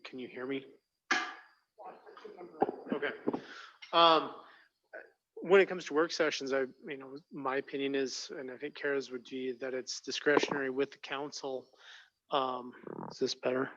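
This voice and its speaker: A man's voice: medium pitch, fairly even intonation, moderate pace, long pauses, fairly bright tone, muffled recording. A man acting as city attorney, giving hesitant, hedged legal advice during a council meeting, heard over a phone speaker in the room. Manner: hesitant, hedging with fillers.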